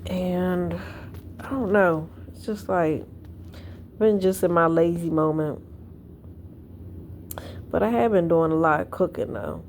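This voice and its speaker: A woman's voice: fairly low pitch, slow, pauses often, a little mellow, a little hiss or hum. A woman vlogging from home in casual chat, tired and yawning, telling a rambling story. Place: at home indoors.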